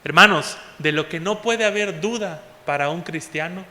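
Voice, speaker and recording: A man preaching a sermon as pastor, often calling out to the congregation as "hermanos" and moving between loud and soft passages. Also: on the high side, normal speed, slight background noise. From Mexico. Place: church hall. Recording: long hall reverb.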